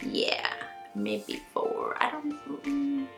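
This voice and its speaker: A woman's voice: high-pitched, drawn-out words, creaky, a bit bright. Young woman, American accent, casual Q&A vlog, chatty, informal, roomy echo, faint background music. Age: young adult. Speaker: YouTube beauty and fashion vlogger. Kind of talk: casual chat, answering viewer questions to camera. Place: small indoor room at home, seated in an armchair.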